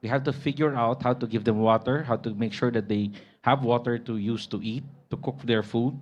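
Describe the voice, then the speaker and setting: A man's voice: medium pitch, fairly even intonation, fairly quick, muffled recording. Audience questioner, male mayor, Filipino accent, middle-register voice, formal public speaking. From Philippines.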